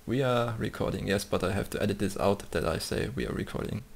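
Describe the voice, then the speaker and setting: A man's voice: on the low side, quick pace, vocal fry, crowd noise. A man co-hosting a casual podcast, hesitant and restarting sentences as he reasons aloud. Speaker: podcast co-host. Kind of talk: casual chat.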